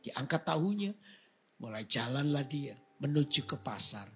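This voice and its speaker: A male pastor telling a story in a sermon, swinging from hushed narration to shouting. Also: mid-range voice, expressive, moderate pace.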